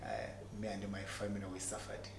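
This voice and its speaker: A middle-aged man with a Ugandan accent tells his personal story in a motivational way, haltingly, repeating words for emphasis. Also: lowish voice, completely flat delivery. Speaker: entrepreneur guest telling his story. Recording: echoey room with clear background noise.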